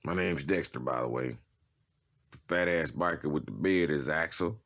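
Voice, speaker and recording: In a comic-book dramatization, a male actor voices a tough, streetwise adult prison inmate showing someone around. The voice is very deep yet a bit bright and moves at normal speed. His talk is casual, slangy, and profane, with a wry, matter-of-fact mood.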